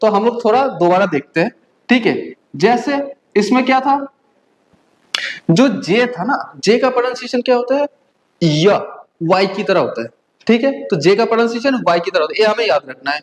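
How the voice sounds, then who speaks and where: A woman from India teaches a beginner class at a measured, methodical pace. She spells sounds out one by one, and a steady "okay?" runs through her speech to keep learners with her. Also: medium pitch, rough recording. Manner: patient drilling, frequent "okay?" check-ins, slow spelled-out letters. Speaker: German language teacher. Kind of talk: beginner language lesson.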